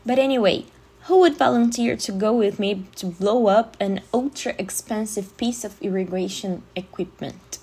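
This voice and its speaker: A man voicing a bold, bossy young woman who likes explosions, pitched well above his own voice. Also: gravelly, darkish tone, slightly rough, heavily acted. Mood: commanding. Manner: brisk, commanding. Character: bold young woman Lucy, pyromaniac sister.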